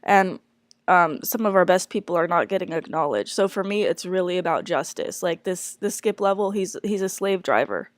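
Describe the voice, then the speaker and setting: Speaking with a congested voice, a woman opens up about a stressful job situation, hesitant and prone to fillers and false starts. She sounds animated despite her low-leaning pitch and keeps a moderate pace. The recording is dry.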